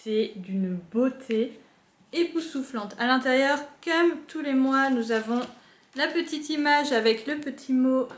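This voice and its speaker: A young woman casually chatting as she unboxes books at home, gushing with excitement and using lots of fillers. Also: sits high, measured pace. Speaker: book unboxing vlogger. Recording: echoey room.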